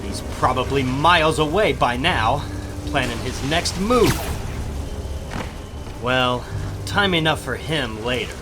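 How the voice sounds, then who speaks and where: A man's voice: mid-range voice, animated, takes it slowly, pauses often, over music. A man playing a wisecracking young superhero, quippy and theatrical, in a dramatic comic book reading. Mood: determined. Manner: quippy, self-narrating, theatrical. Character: wisecracking teenage male superhero, cocky but hard-luck.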